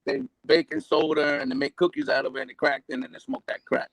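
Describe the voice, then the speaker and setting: Guest: New man, heavy vocal fry, dry close sound, rambling and profane. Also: on the high side, huge pitch swings, fast, a bit bright, dry recording, poor audio. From New York. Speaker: interview guest. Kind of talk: candid life story.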